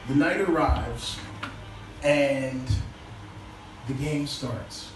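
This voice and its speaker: Man doing crude stand-up on a muffled, low-quality stream. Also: drawn-out words, music in the background. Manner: casual, crude, chuckles at his own jokes. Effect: low-quality stream audio. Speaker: stand-up comedian. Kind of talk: stand-up comedy set. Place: small comedy club stage. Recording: echoey low-quality stream from far off with noise.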